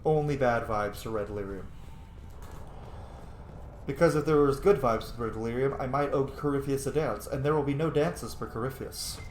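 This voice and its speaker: A let's play streamer with a mid-range voice talks at normal speed, giving casual, playful video game commentary, swearing occasionally and wandering into asides. The recording has a roomy echo and faint background noise.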